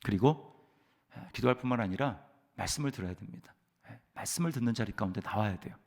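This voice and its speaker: A man preaching a sermon as pastor, swinging between loud exhortation and hushed storytelling. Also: mid-range voice, fast talker, creaky. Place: church sanctuary. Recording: long church hall reverb.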